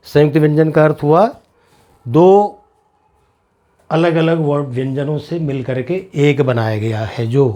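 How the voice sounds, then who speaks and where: This Hindi teacher's voice is a little high and mellow as he leads a pronunciation lesson on the alphabet's sounds. Sounding out each syllable in turn, he repeats them deliberately and slowly, explains with patience, and asks the students if everything is clear.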